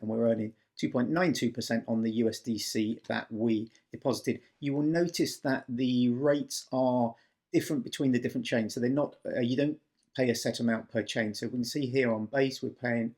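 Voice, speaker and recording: A man's voice: mid-range voice, a little mellow. A man giving a casual, step-by-step screen-recording walkthrough in an explanatory manner as a tutorial presenter.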